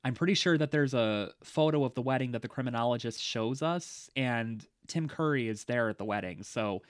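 A man's voice: medium pitch, normal speed, clear, resonant tone, no room sound, studio quality. A man co-hosting a podcast, chatting casually about a film, with lots of fillers and frequent laughter. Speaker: podcast co-host. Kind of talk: casual movie discussion.

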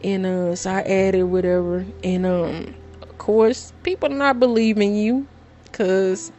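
A middle-aged woman chats to her viewers in an easygoing vlog voice, telling stories with excited, dramatic repeats. Her pitch sits in an ordinary middle range, with faint music playing behind her. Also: slow. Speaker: vlogger. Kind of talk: casual storytelling to viewers.

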